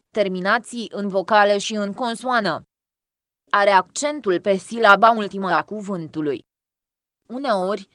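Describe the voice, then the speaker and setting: A woman's voice: mid-range voice, no echo, studio quality. Woman reading a textbook lesson aloud. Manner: even, measured reading of exercises and definitions. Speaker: textbook reader.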